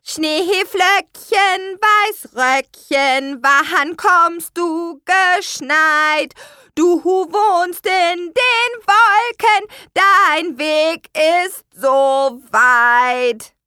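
A woman voicing a dreamy, slightly stubborn young girl in an audiobook, who also sings a slow children's song. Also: fairly high pitch, no echo, studio quality, pitched above the performer's own voice. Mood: singing. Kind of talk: audiobook character voice.

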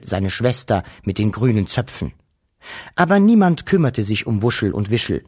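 A man reading a children's storybook aloud, gentle and expressive. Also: lowish voice, slightly rough. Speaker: narrator.

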